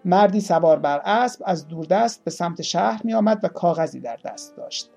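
A man reading a story aloud, slowly voicing its characters with small shifts of voice. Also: sits high, expressive, vocal fry, darkish tone, soft background music. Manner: reads the tale slowly, playing each speaker with small voice shifts. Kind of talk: audiobook narration.

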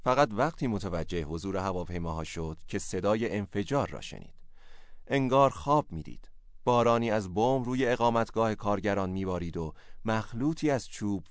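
Low-voiced male story narrator. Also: animated, no echo, clean studio sound. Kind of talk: scripted narration.

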